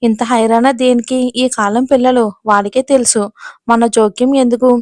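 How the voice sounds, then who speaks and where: A woman voicing a patient middle-aged son who reasons calmly with his mother. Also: a little high, normal speed, natural voice. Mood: reasoning.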